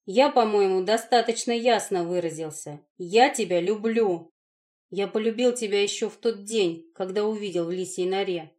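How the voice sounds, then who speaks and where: A calm, calculating grown man voiced by a woman reading an audiobook speaks in a level, matter-of-fact way, a touch louder than the narration. His pitch sits in an ordinary middle range. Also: moderate pace, lightly acted. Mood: earnest. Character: calm, calculating adult male lover. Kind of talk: audiobook character voicing.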